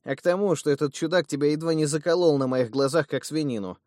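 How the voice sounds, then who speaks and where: A man doing a brash young bandit, loud and indignant. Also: mid-range voice, lively intonation, moderate pace, no room sound, studio quality, voice pushed up, lightly acted.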